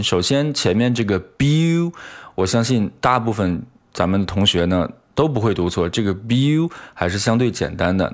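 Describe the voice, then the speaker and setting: A man with a fairly low voice hosts a podcast lesson on pronunciation. He explains step by step and drags out the example words slowly. Now and then he tosses in a casual joke at his own expense. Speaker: English pronunciation teacher.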